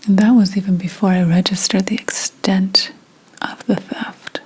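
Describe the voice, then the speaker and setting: In a breathy ASMR whisper at medium pitch, with little rise and fall, a woman plays a secretive 17th-century witch who is indignant. Her delivery is deliberate and punctuated by dramatic pauses.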